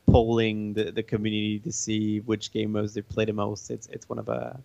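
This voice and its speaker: Male game developer in a casual interview, low-pitched and even, halting delivery, slightly dull lo-fi sound. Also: creaky. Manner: halting, searching for words. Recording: roomy, band-limited dull sound.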